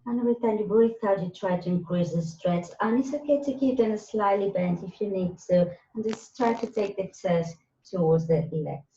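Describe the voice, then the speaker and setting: A woman's voice: medium pitch, normal speed, mellow. A woman instructing a live Pilates class, counting breaths and movements aloud in short, spaced cues. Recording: roomy echo, distant mic, slightly dull sound.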